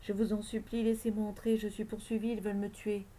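A woman's voice: mid-range voice, little pitch movement, fairly quick, dark tone, close to an everyday voice. A woman reading the lines of a hunted older man who stammers and pleads. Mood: pleading.

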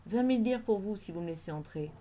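A hunted man who stammers out a plea for shelter, read by a woman in close to her own voice. The delivery is a soft, breathless entreaty. It comes from an audiobook. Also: mid-range voice, lively intonation, fast talker, a little hiss or hum, lightly acted. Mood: pleading. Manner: stammering, pleading. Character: hunted older man, pleading.

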